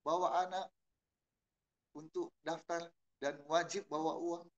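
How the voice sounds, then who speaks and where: A middle-aged man preaching a sermon at a church service, telling a story and asking the congregation questions, shifting from low murmurs to loud exclamations. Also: flat delivery, takes it slowly, lo-fi sound. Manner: asks the congregation questions and answers them. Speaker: pastor.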